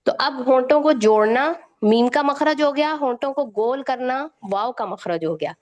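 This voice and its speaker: A woman's voice: sits high, lively intonation, moderate pace, a little mellow, lo-fi sound. A woman teaching Quran recitation, explaining each point and then quizzing her listeners with questions, with frequent checks of "okay?". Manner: repeats "theek hai" to check understanding, quizzes listeners with questions. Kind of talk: explanatory lesson to students.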